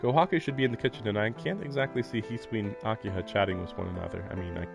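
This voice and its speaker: Over the game's background music, a man livestreams a visual novel, voicing its narration and adding amused, meandering remarks. He talks very fast in a lowish voice with vocal fry.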